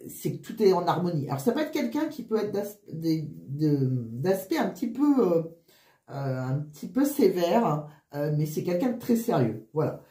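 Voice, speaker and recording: A woman giving a casual card reading, wheezy and short of breath with flu, halting and often restarting her phrases. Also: lowish voice, sing-song, warm tone, reverberant. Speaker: tarot card reader.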